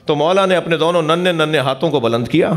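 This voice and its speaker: Fervent preacher man telling a story. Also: on the high side. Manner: storytelling preaching, calls the crowd to recite blessings. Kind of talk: Shia majlis sermon. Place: imambargah hall.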